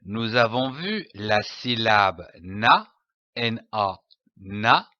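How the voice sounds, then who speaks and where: A man with a French accent teaching reading to young children, spelling out letters and sounding out syllables slowly and carefully. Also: fairly low pitch, animated, bright, forceful tone, no echo, lo-fi sound. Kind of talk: slow phonics lesson for young children.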